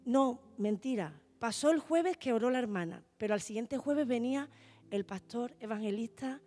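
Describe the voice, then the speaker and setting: A woman's voice: a little high, lively intonation, normal speed, mellow, faint music behind. A middle-aged woman from Spain, giving an earnest church testimony to the congregation. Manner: heartfelt, addresses the congregation as brothers. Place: church hall.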